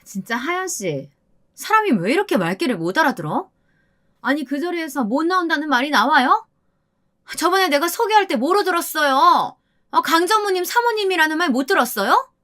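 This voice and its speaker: A woman voicing a bossy manager's wife who fawns on her superior and scolds those below her, in a high, sharp voice. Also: expressive, normal speed, few pauses, close to an everyday voice. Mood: scolding. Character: shrill bossy young-ish wife, fawning then scolding.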